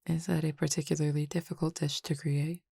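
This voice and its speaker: In an audio roleplay, a woman voices a languid cupid who feeds on desire, addressing the listener in a deep, husky, gravelly murmur with a quiet teasing edge. Her delivery is formal, measured and level, barely rising or falling, fully in character. It's recorded close and dry, with no echo or room sound.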